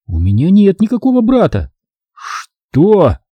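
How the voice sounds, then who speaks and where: A man voicing a young woman official who bursts out in shrill indignation, tearful and furious, in an audiobook. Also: wildly swooping pitch, takes it slowly, warm tone, slightly rough, no echo, full character voice. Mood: tearful, outraged.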